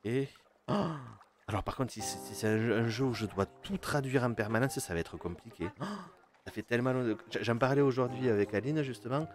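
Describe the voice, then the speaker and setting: A man with a mid-range voice streams a game live at a brisk pace over soft background music. He's hesitant, full of fillers and restarts, chatting with viewers and reading game text aloud.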